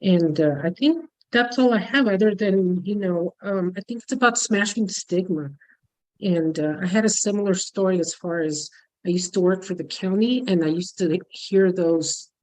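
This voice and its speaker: A woman's voice: mid-range voice, darkish tone, rough recording. A woman in long-term recovery who works in harm reduction, sharing in a casual, upbeat way on a video call. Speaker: harm reduction outreach worker. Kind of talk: online workshop share.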